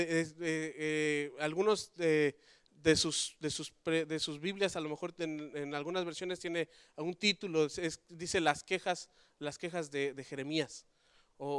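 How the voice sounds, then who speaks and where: A man preaching a sermon in church, conversational, moving between loud emphasis and quiet asides. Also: high voice, smooth, no room sound, studio quality. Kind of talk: sermon with personal story.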